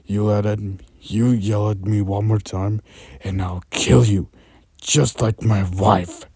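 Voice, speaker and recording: A man voicing a deep, raspy, threatening ghostly neighbour shouting down through the floor. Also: fairly even intonation, slow pace, no echo, exaggerated voice. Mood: menacing. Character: menacing deep-voiced ghostly man upstairs.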